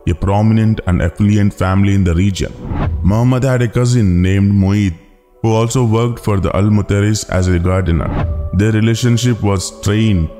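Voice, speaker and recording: A man giving scripted documentary narration as a channel narrator, in a solemn, measured and earnest way. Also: fairly low pitch. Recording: long reverb with background music.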